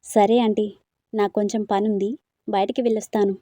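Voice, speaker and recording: A woman's voice: medium pitch, little pitch movement, a little fast, mellow, no echo, clean studio sound, natural voice. A woman reading a storybook, voicing a cheeky young man who teases playfully. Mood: polite. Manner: playful teasing.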